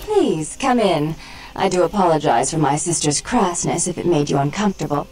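A haughty vampire club owner. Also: female voice, low-pitched, lively intonation, normal speed, a little mellow, soft background music, rough recording. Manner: formal, poised and condescending. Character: cool, haughty female vampire club proprietor. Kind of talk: video game voice acting.

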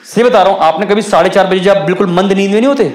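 A man's voice: high voice, very fast. A man doing stand-up crowd work, teasing the audience at a live comedy club show.

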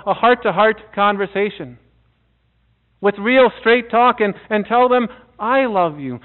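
A middle-aged male pastor preaching a sermon in a church, earnest, with dramatic pauses and soft drops. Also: sits high. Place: church sanctuary before a seated congregation. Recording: tinny phone-like audio.

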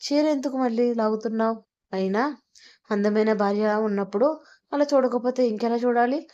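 A woman's voice: a little high, moderate pace, mellow, muffled recording, natural voice. A woman voicing a playful, insistent young husband who teases his wife, in a romantic audio story. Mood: teasing. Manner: teasing, coaxing.

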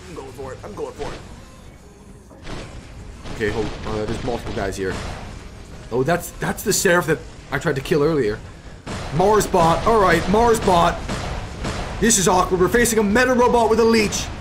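A man doing live gameplay commentary as a hyped, excitable gamer bro who repeats his phrases, hosting his video. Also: fairly high pitch, moderate pace, pauses often, music in the background. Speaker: gaming video host.

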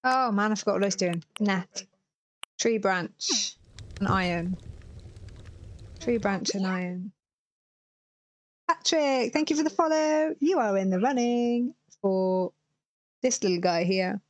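On a live stream, a woman in her thirties from Herefordshire, England, reads viewer messages aloud and chats while gaming, her accent Welsh-border English. Her medium-pitched voice is slow and often pauses, and the headset recording from a small indoor room is low quality with slight background noise.

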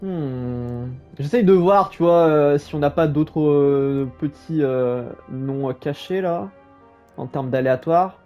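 Male gaming host, slightly high voice, mellow, informal, musing aloud, faint music behind. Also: slow, lo-fi sound. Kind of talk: casual gameplay commentary. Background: soft game music.

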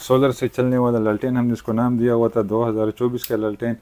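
A man, a shopkeeper demonstrating gadgets in a market shop. He talks in a brisk salesman's patter and keeps using polite forms of address. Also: mid-range voice, little pitch movement, warm tone. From Pakistan. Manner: brisk salesman patter, frequent "thik hai" and "janab-e-wala". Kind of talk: product demonstration sales pitch.

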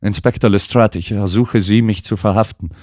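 A man's voice: lowish voice, fairly even intonation, normal speed, a little mellow, no room sound, studio quality, pitched above the performer's own voice, natural voice. A man voicing a slight young actress who stubbornly insists on her guilt, in an audiobook. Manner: pleading, insistent. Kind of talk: audiobook character voice.

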